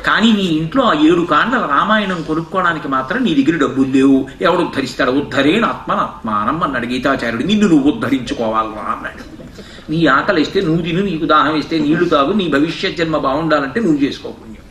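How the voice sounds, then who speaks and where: A man delivers a spiritual discourse in a high voice, pressing rhetorical questions and slowing down to chant classical verses. He is heard from a distance in an echoey hall. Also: fairly bright tone, slight background noise. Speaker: religious discourse speaker.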